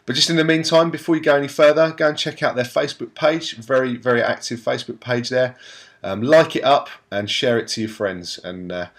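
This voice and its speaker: A man hosting an interview, chatty and full of fillers. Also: fairly low pitch. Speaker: host. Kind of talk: casual interview.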